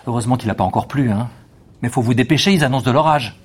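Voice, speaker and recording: A man's voice: mid-range voice, fast talker, breathy edge, natural voice. An actor playing an eager male witness who insists on explaining everything at length.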